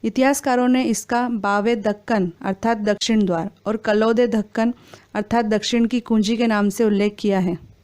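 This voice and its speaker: A woman reading exam quiz questions and their answers in a steady, formal recitation. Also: a little high, normal speed, clear, resonant tone.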